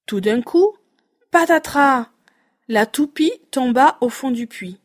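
A woman narrating a children's fairy tale in a slow, deliberate reading voice. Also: fairly high pitch, lively intonation, a little mellow, faint music behind. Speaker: storyteller.

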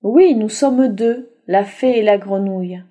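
A woman's voice: mid-range voice, measured pace, warm tone, lightly acted. A woman voicing a group of small creatures, a fairy, a frog and friends, huddled inside a bagpipe, in a storybook reading. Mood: singsong.

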